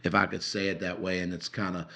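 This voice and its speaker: Middle-aged Southern male co-host, very low voice, easygoing chat with fillers. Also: flat delivery, fast talker, vocal fry, pushed and bright. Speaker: podcast co-host, relationship coach. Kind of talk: casual podcast chat.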